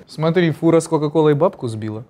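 A man's voice: fairly high pitch, fast. A young man trading casual comic banter on an improv show. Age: young adult. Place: studio living-room set with group. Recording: very noisy studio audio.

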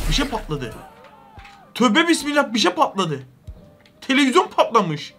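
A young man giving comedic, excitable game commentary with loud exclamations. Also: high-pitched. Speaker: gaming YouTuber.

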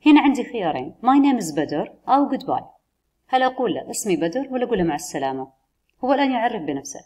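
A woman teaching an English textbook lesson. She reads the model phrases slowly and carefully, then explains them quickly. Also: a little high, big pitch swings, dark tone, husky.

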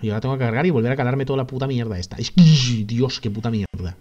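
A man from Spain commentating his playthrough, cursing and venting in frustrated outbursts, in a mid-pitched voice. The sound is dull and lo-fi, with faint music running underneath. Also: fairly even intonation, racing, mellow. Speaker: gaming youtuber. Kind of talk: let's play commentary.

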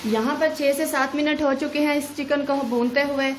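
A woman's voice: high-pitched, moderate pace, echoey room, noisy background. A woman, a cooking channel host, talking through a recipe step by step in a voice-over. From Pakistan. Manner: steady step-by-step instructions.

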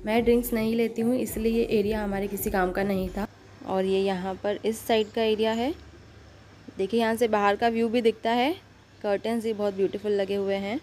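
A woman's voice: mid-range voice, fairly even intonation, brisk, a little mellow, faint music behind. Chatty Indian woman giving a restaurant tour. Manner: chatty, guiding the viewer with repeated "look here". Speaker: vlogger. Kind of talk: casual restaurant tour vlog. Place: indoor restaurant lounge.

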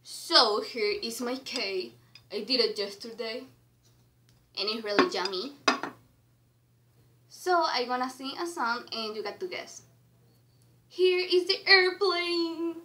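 A woman's voice: fairly high pitch, a little slow, pauses often, pushed and bright, a little hiss or hum. A young adult woman chatting casually to camera as a challenge vlogger, with non-native phrasing. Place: small bedroom indoors.

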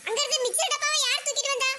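A woman's voice: extremely high pitch, steady tone, rapid-fire, background noise. A woman playing an exasperated mother who scolds with sarcastic threats, in a Kanniyakumari accent. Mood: scolding. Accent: Kanniyakumari Tamil. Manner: sharp, nagging, sarcastic threats. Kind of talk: comic sketch acting.

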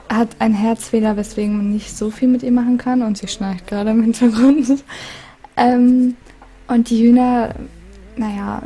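A woman with a soothing, calm voice chats casually while reading letters from her viewers. Her tone is deeply mellow and warm, never sharp. She giggles often between lines. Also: husky. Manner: giggly, reads letters aloud with frequent laughs. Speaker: gaming YouTuber.

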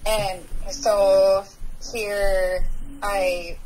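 A woman's voice: medium pitch, level tone, extremely slow, darkish tone, slight background noise, poor audio. A woman in her forties from North Dakota, a guest candidly telling her personal recovery story in a conversational way. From North Dakota, USA.

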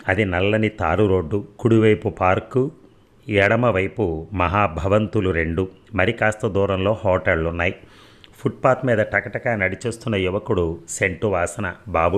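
A man narrating a crime novel as an audiobook, in an even, measured reading. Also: low-pitched.

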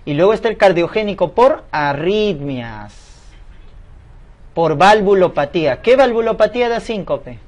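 A man leads a lecture through medical exam questions. He asks a question, pauses, then answers it himself in an explanatory teaching manner. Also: sits high, sing-song, a little mellow.

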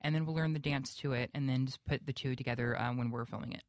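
A young man with a high-pitched voice answers questions as a radio guest. He talks haltingly, with lots of fillers and restarts. The sound is close and dry. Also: fairly even intonation, no echo. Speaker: guest actor. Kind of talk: radio interview.

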